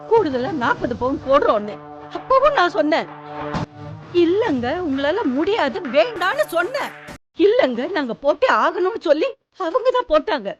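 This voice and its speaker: An indignant middle-aged mother in a TV serial, scolding and lamenting. Her voice is high and swoops widely, over prominent music. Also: dull audio. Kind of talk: TV serial acting. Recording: with loud background music.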